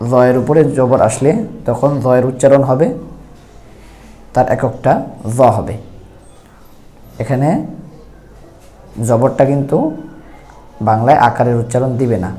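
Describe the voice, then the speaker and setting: Slow, mellow man spelling out letters. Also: medium pitch. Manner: spells letters and vowel marks aloud one by one, then joins them. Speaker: Quran reading teacher. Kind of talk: slow spelled-out recitation lesson.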